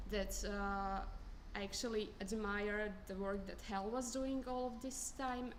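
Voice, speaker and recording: Twenties woman from Croatia, candidate speech, casual with lots of restarts, slight background noise. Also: medium pitch. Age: 20s. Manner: informal, many fillers and restarts.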